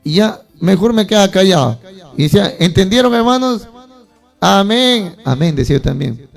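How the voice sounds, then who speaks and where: Gravelly high-voiced male preacher. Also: moderate pace, soft background music. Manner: animated storytelling, acting out voices of churchgoers. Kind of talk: sermon.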